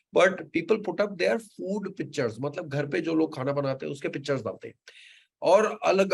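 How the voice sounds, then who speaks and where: A slightly high, gravelly voice belongs to a Mumbai host with an Indian English accent running a live online show. He chats casually, packing in fillers and tripled words, over a rough recording.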